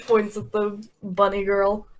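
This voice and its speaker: A woman's voice: medium pitch, completely flat delivery, takes it slowly. A woman chatting casually while playing a tabletop role-playing game, rambling with fillers and laughs.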